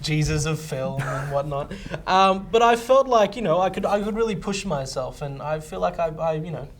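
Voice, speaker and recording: A man's voice: fairly high pitch, lively intonation, moderate pace, a little hiss or hum, natural voice. A man playing a pompous, self-important film director who hesitates his way through boasts as a guest on a parody talk show. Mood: smug. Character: smug, self-important male film director, deluded about his genius.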